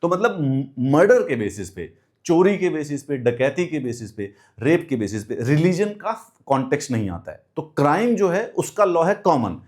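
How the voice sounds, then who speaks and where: A man's voice: fairly high pitch, sing-song, moderate pace, darkish tone. Emphatic man teaching exam prep. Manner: emphatic teacher, repeats key phrases, asks rhetorical questions. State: speaking with a mouth ulcer. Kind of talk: classroom lecture mixing Hindi and English.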